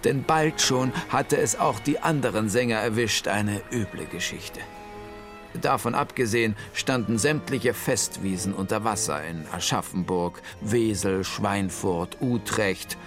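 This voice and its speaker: A chatty old owl spins his own seafaring misadventure with playful relish, as a man voices him, his tone measured and unhurried. Music plays clearly beneath the voice throughout this children's audio story. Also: lowish voice, close to an everyday voice. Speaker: first-person storyteller. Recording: music playing under the voice.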